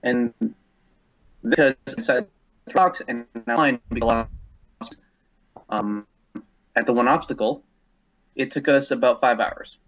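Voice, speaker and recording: A man's voice: medium pitch, takes it slowly, pauses often, fairly bright tone. Man on a dull remote line. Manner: rambling, long-winded storytelling. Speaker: podcast panelist. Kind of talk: casual chat.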